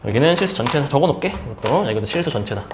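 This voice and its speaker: A man's voice: mid-range voice, very animated, very fast, echoey room, noisy background. A male math teacher giving a casual lecture, asking questions and then answering them himself. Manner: asks and answers his own questions; casual, speaks in plain everyday talk to students.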